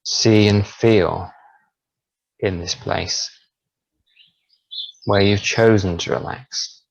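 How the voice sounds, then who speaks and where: A man leading a guided hypnosis relaxation, speaking in slow, soothing, drawn-out phrases. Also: fairly low pitch, steady tone, creaky, dry recording, dull audio.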